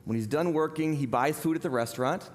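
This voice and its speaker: A man's voice: on the high side, fast talker. Conversational male pastor in a reverberant hall. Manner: conversational, self-deprecating storytelling. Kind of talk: sermon. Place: church hall. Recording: long reverb of a large hall.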